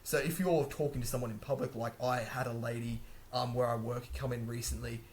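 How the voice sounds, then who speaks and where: A man speaks briskly in a steady, mid-range voice over a little hiss or hum, giving informal language-learning advice to camera in an indoor room. He's chatty and meandering, repeatedly restarting and correcting himself.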